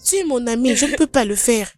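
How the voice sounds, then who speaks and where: Woman voicing a sweet caring young woman in a dubbed film, soft and pleading, highish voice. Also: lively intonation, a little fast, faint music behind, natural voice. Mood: soothing. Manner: soothing, pleading. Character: gentle young woman comforting a weeping friend. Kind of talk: French dub of a film.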